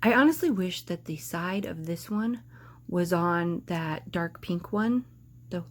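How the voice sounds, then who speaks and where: A woman's voice: fairly low pitch, lively intonation, measured pace. A woman vlogging casually to camera, rambling and hesitant, with lots of filler words and restarts.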